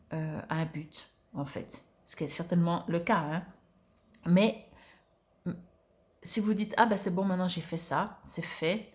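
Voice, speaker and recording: A French-speaking woman gives viewers an informal spiritual oracle card reading in a lowish voice, talking conversationally and hesitantly as she hunts for words.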